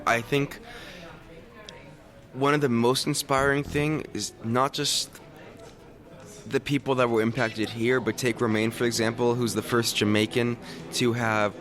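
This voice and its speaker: A man from Los Angeles, a podcast guest, talking in an animated, casual way with many restarts. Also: mid-range voice, moderate pace. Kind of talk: casual interview chat.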